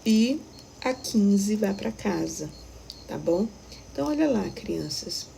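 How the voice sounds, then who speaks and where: A woman's voice: mid-range voice, lively intonation, slow pace, gravelly, warm tone, slight background noise, rough recording. A Brazilian woman teaching a recorded primary school lesson, patiently explaining step by step and checking that the children follow. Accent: Brazilian Portuguese.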